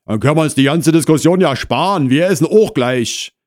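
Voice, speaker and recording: Fields: Figure: a man voicing a shrill, fussy woman in her fifties. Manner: high and loud. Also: expressive, a little fast, dry recording, studio quality, lightly acted. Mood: indignant. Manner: high-pitched, loud, indignant. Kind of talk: comic audiobook reading.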